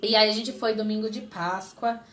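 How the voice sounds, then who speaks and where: A Brazilian woman in her thirties telling an emotional personal testimony as an interview guest, lively and acting out what people said. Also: medium pitch, normal speed, soft background music. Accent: Brazilian Portuguese. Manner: lively, acts out quoted voices, laughs often.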